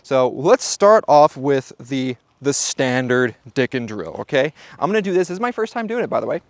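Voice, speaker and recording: A man's voice: mid-range voice, sing-song, moderate pace, dry recording. A man hosting a shooting-range video, talking to the viewer in a playful, joking way. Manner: playful, jokey, talks to the viewer. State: out of breath at times. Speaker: shooting channel host. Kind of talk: casual vlog narration at the range.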